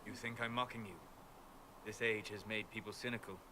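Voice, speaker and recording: Guy acting a calm scholarly game mage, wistful dream guide type, formal and lowish voice. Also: brisk, background noise, close to an everyday voice. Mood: wry, reflective. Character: calm, scholarly apostate mage, a male dreamer of ancient memories. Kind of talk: video game dialogue.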